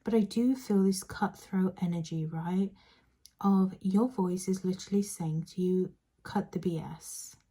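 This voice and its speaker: A woman giving a pick-a-card tarot reading, talking softly and slipping into a whisper, often checking in with "okay?". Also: on the low side, steady tone, unhurried, slightly rough. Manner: soft, partly whispered, intimate address to the viewer; repeats phrases and checks in with "okay?". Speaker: tarot reader.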